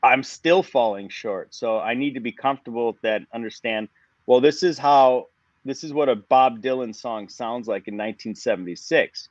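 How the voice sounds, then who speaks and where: A man's voice: mid-range voice, moderate pace, no echo. A man in his forties speaks as a musician guest on a podcast, thoughtful and meandering, often restarting his sentences. The audio is dry and a bit dull and lo-fi, with no room sound at all. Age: 40s. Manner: reflective, rambling with restarts. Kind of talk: casual podcast conversation.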